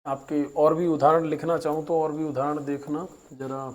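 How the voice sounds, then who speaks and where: Mellow-voiced man teaching a class. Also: fairly high pitch, level tone, rough recording. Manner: patient, explains slowly and drags out vowel sounds as examples; mixes in English words. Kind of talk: recap lesson for students.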